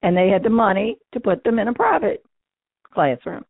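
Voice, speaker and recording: A woman's voice: medium pitch, very animated, moderate pace, creaky, slightly rough, no room sound. An older woman giving a candid, informal oral history interview, speaking emphatically with a numb nose and face. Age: 60s or older. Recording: thin, phone-like, band-limited sound.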